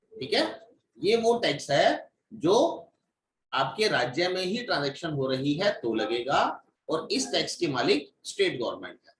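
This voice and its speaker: Male instructor, fairly high voice, classroom lecture, recorded from across a roomy space. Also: a bit bright, slight background noise. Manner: explains step by step, checks in with "ठीक है". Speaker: GST course instructor. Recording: echoey room, mic at a distance.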